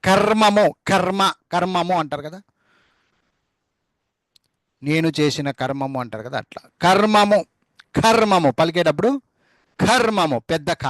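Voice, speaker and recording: A man's voice: a little high, normal speed, long pauses, no echo. A man teaching a spelling lesson, repeating each word several times and spelling it out letter by letter. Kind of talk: classroom dictation lesson.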